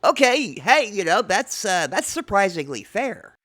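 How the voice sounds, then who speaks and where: Man playing wry deadpan spooky late night radio host, bright voice, very up and down, dry studio sound. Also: high-pitched, a little slow, dry recording, full character voice. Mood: wry, bemused.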